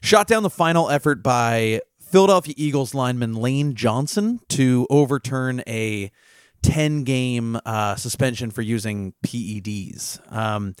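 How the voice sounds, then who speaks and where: A man hosting a podcast, explaining legal news in a casual, explanatory way with frequent filler pauses. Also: medium pitch, clean tone, dry recording, clean studio sound. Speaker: podcast host and legal reporter. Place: New York.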